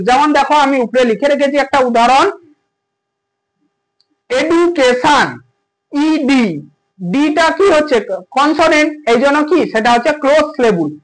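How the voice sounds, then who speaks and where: A man's voice: very high-pitched, rough recording. A man teaching a grammar lesson, repeating points and checking understanding with questions. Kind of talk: grammar lesson explaining to students.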